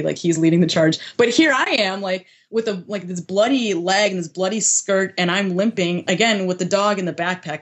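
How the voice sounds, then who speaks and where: A young American woman telling a story in casual conversation, animated and full of "like" fillers. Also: fairly low pitch. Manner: animated, heavy use of "like" fillers, laughs often. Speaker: guest recounting a past experience.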